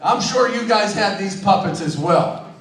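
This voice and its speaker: A man's voice: sits high, moderate pace. A middle-aged man, a ventriloquist comedian, telling stand-up stories on a live stage and acting out the dialogue. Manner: animated, acts out remembered dialogue. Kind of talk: stand-up storytelling. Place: live stage at open mic. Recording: echoey live room, distant mic, crowd.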